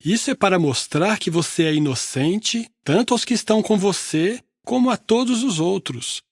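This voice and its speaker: A man's voice: sits high, lively intonation, normal speed, dry recording, studio quality, voice pushed up. A man voicing an indignant ancient king who pleads and protests, in a Bible audio reading. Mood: conciliatory.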